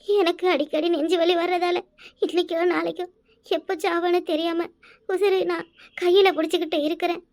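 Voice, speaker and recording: A woman's voice: very high voice, flat delivery, moderate pace, darkish tone. A woman voicing an aging village mother with a southern Tamil village dialect, reproachful and pleading with her son in a cartoon. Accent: southern Tamil Nadu village dialect. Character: aging village mother, grief-stricken and scheming. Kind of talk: cartoon voice acting.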